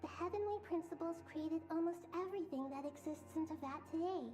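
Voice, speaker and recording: Child-like game goddess, high soft-toned voice, gentle, earnest, formal and measured, faint music behind. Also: female voice. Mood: earnest, explanatory. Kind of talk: video game story dialogue.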